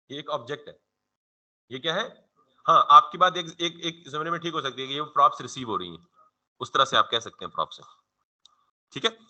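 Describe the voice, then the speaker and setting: Bright-voiced man teaching a coding class. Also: fairly high pitch, muffled recording. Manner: keeps quizzing the listener with rhetorical questions and answering them; informal, conversational classroom explaining. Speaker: programming instructor. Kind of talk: coding tutorial lecture.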